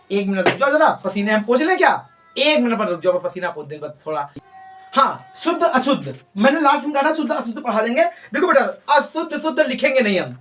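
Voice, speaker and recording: A male teacher leads a grammar class, coaxing his students, repeating points and quizzing them with mock answers. His slightly bright voice swings widely in pitch, and he sounds a little far from the mic.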